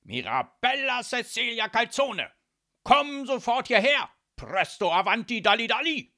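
A man voicing a loud, hot-tempered mafia boss father who blusters and bellows in a storybook reading. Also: mid-range voice, huge pitch swings, a little slow, vocal fry, breathy edge, no echo, clean studio sound, exaggerated voice. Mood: furious.

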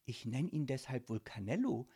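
A man's voice: medium pitch, very animated, normal speed, dark tone, husky. A man voicing a polite, sweet twelve-year-old girl in a storybook reading. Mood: delighted. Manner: polite, chirpy.

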